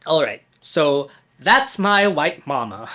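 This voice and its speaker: Wry video-essay narrator, lively pitch. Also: slow. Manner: conversational, wry asides.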